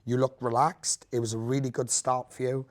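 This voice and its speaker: A man's voice: medium pitch, level tone, a little fast. A man judging a talent show, speaking in a direct, encouraging way as he gives feedback and asks questions. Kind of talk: spoken audition feedback and questions.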